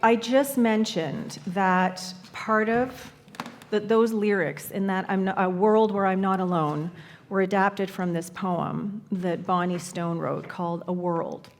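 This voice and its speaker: A woman's voice: mid-range voice, steady tone, slow pace, slight background noise. Woman minister giving a conversational sermon. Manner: conversational, warm-hearted and affirming, with frequent "right?". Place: church sanctuary.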